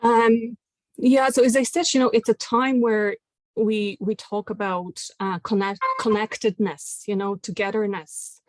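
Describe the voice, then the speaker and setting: A woman's voice: mid-range voice, flat delivery, a little slow, darkish tone, no echo. Woman advocate on a webinar panel, hesitant with lots of fillers, dry close sound. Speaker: health advocacy worker, panelist.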